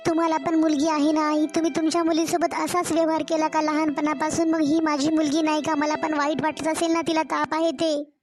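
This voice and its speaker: Cartoon: woman as a pleading young wife and mother, Marathwada Marathi accent, high and level voice. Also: level tone, a little fast, soft background music, lightly acted. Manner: complaining, tearful pleading. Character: young mother, distressed, pleading daughter-in-law. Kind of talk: cartoon story voice acting.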